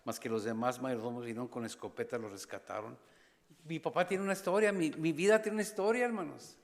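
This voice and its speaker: A man preaching as a pastor, passionate, rising to loud appeals and dropping to hushed asides. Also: mid-range voice, brisk, gravelly. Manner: impassioned, swings between loud exhortation and hushed asides; slips briefly into English phrases. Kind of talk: sermon. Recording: long church reverb.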